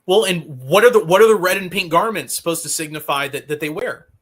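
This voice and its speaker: High, bright, raspy man chatting casually. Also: fast. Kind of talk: casual chat.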